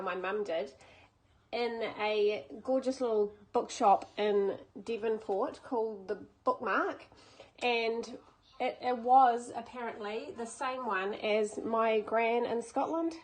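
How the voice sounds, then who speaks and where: A woman's voice: fairly high pitch, poor audio. A woman, hosting a baking channel and talking through a recipe step by step in a chatty, upbeat way in her home kitchen. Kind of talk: casual cooking demonstration.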